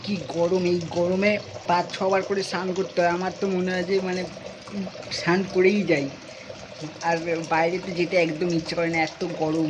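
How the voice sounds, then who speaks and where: A chatty vlogger speaks at a middling pitch and grumbles about the heat while walking outside. The voice is a little hushed beside the road. It is caught on a phone camera with loud outdoor noise all around. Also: flat delivery, normal speed. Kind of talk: casual vlog talk to the camera. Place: outdoors around home and street. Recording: noisy outdoor phone audio.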